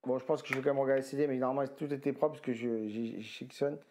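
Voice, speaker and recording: A man's voice: mid-range voice, fairly even intonation, racing, a little mellow, slight background noise. A tired man in casual talk, showing off his flea-market video game finds, rambling and often correcting himself with slang. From France. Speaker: retro game collector vlogger. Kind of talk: casual haul commentary.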